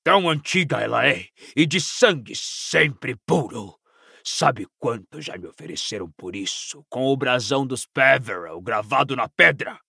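A man voicing a coarse, hostile old father in an audiobook, snarling and mocking in slow, menacing speech. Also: mid-range voice, lively intonation, gravelly, sharp tone, slightly rough, dry recording, studio quality, exaggerated voice. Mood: bellowing.

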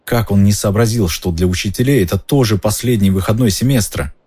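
A man narrating an audiobook in an expressive storytelling manner. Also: on the low side, a little fast, breathy edge.

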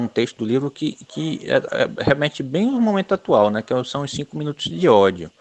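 Brazilian guy on a podcast, voice goes all over, emphatic, lots of fillers. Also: medium pitch. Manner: lively, emphatic, many fillers like "cara" and "né". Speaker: podcast host. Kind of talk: casual podcast discussion.

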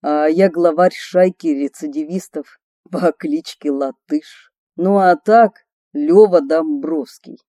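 A woman reading a boastful but tender male gang leader in slow, earnest, confiding tones. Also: low voice, mellow, no room sound, studio quality, voice pushed down.

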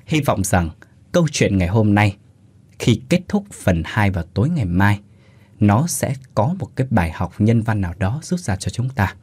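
A male storyteller reads a horror tale in a low, husky voice. His pitch moves lively and dramatic. The recording is dry and close. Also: normal speed, no echo. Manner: dramatic, with hesitant fillers in asides. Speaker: storyteller and channel host. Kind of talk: reading a horror story aloud.

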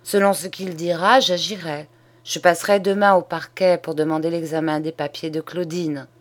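A woman reading a troubled, earnest young male lawyer in an audiobook, in her own low voice. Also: steady tone, normal speed, close to an everyday voice.

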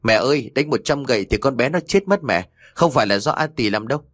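A man's voice: medium pitch, expressive, quick pace, dry recording, close to an everyday voice. A man voicing a frightened young noblewoman who pleads tearfully with her mother-in-law. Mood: desperate pleading.

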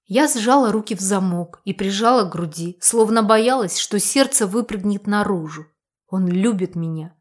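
A woman narrating a first-person novel as an audiobook, in an expressive, emotional reading. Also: mid-range voice, normal speed.

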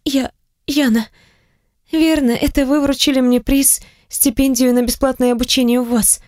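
A reader voicing a timid young pregnant woman in a soft, raised voice. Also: high voice, steady tone, normal speed, no echo, clean studio sound, pitched above the performer's own voice, natural voice.

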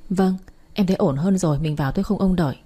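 A woman's voice: lowish voice, fast talker, mellow, slightly rough. A woman reading as a cheeky young mother. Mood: anxious.

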